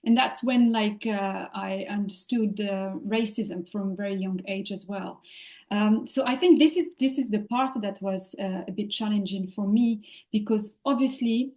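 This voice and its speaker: A leadership coach from France, whose first language is French, speaks as a guest in a podcast interview. Her mid-range voice is mellow, and she talks thoughtfully and haltingly, with many fillers and restarts.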